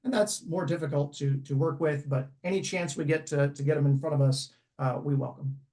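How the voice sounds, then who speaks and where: A man's voice: on the high side, fairly quick, warm tone. A man from a university teaching center, answering informally as a panelist on a video call.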